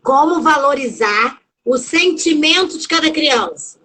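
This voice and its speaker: A woman's voice: sits high, expressive, measured pace, bright, forceful tone, low-quality recording. A woman interviewing a guest over a video call, asking plain questions and cutting in mid-answer.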